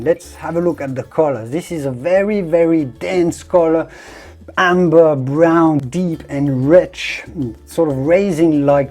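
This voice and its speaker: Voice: medium pitch, warm tone. A wine connoisseur presenting a tasting in an effusive, descriptive way, leaning on emphatic superlatives. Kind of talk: presenter-style product review and tasting commentary.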